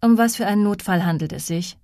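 A woman's voice: medium pitch, fast talker, no room sound, studio quality, close to an everyday voice. A woman reading a weary woman emergency dispatcher. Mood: calm, formal. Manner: trained flat phone voice, growing urgent.

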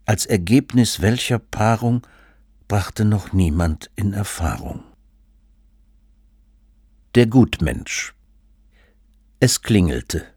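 Man, fairly low voice, ironic, mock-solemn, humorous book reading, lively pitch, dry close sound. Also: slow, pauses often, breathy edge, no echo.

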